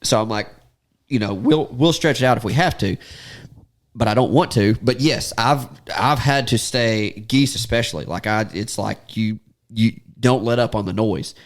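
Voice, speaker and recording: A man's voice: fairly low pitch, moderate pace. A man who guides waterfowl hunts, telling stories in a casual chat with lots of laughter and restarts, using a Southern "y'all". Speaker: duck hunting guide and podcast host.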